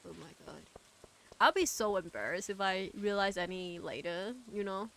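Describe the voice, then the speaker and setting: A woman's voice: medium pitch, normal speed, noisy background. A woman chatting casually on a game livestream as the streamer, rambling with lots of fillers, trailing off and restarting as she talks to chat.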